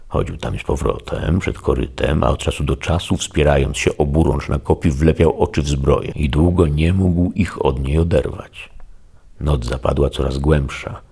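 A man narrating a classic novel as an audiobook, in a measured, solemn storytelling manner. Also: a bass voice, gravelly, darkish tone, breathy edge. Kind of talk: scripted literary narration.

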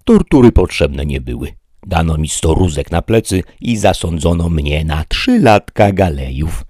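A man's voice: low-pitched, lively intonation, unhurried, warm tone, breathy edge, no echo, studio quality, heavily acted. A man voicing a sly, wry young male convict with a mocking tone.

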